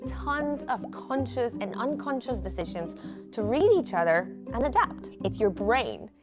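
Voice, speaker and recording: A woman narrating a scripted science explainer in a bright, conversational way. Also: on the high side, very animated, unhurried. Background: music.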